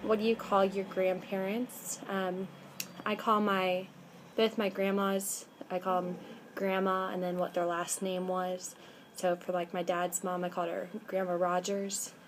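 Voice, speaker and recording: This low-quality recording, with a bit of hiss or hum, captures a Midwestern-accented woman in her twenties vlogging indoors by a window on a webcam at arm's length. Her mid-range voice barely moves in pitch, she talks a little slowly, and she's chatty with frequent ums.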